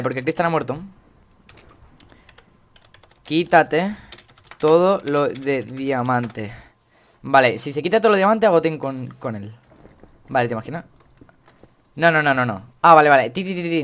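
A young man from Spain with a Spain Spanish accent, jokey and excitable, commentating his gameplay and repeating words in quick bursts. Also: fairly high pitch. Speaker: gaming YouTuber.

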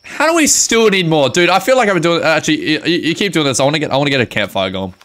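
A young man streaming a game with a friend, laughing often, swearing and breaking into sudden loud exclamations. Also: fairly high pitch, expressive, racing. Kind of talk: casual gaming chat.

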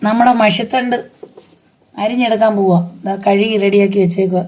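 Hoarse homely woman cooking. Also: medium pitch, steady tone, a little fast, a little mellow. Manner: chatty, homely explaining while working. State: hoarse from a blocked throat. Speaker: home cooking vlogger. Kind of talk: casual cooking vlog. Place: home garden and old dim kitchen.

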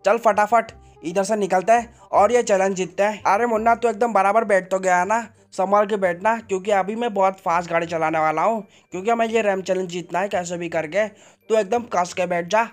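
A man's voice: sits high, fairly even intonation, brisk, faint music behind, natural voice. A man voicing a boastful male cartoon cat who claims to be a soldier, bragging and dramatic in a fan-made game dub.

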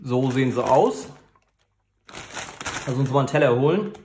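A man's voice: medium pitch, lively intonation, moderate pace, background noise. A man hosting a casual, unscripted food review in an informal, matter-of-fact way. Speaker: host of a food review channel. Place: indoor room. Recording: echoey, reverberant room.

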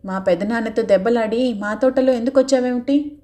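A woman's voice: on the high side, fairly quick, dark tone, close to an everyday voice. A woman voicing a stubborn little village girl. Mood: defiant. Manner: curt, defiant. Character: stubborn, touchy ten-year-old girl.

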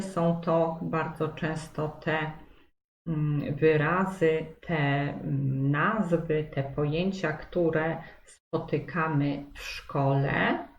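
A woman teaching a pronunciation lesson, who explains slowly, repeats key points and fills pauses with hesitations. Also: deep voice, dull audio. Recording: echoey room with faint noise.

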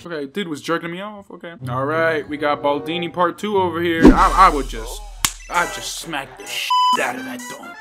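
A young man giving profane, joking commentary on a horror game, swinging between loud shouts and low mumbles. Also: normal speed. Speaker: gaming YouTuber. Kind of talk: profane comedic gameplay commentary. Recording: loud game music behind.

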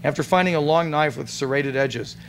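A man giving a dramatic reading of a comic story at a gathering in a restaurant, in a deadpan, amused tone. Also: fairly high pitch, fairly quick, gravelly, soft background music. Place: restaurant event room.

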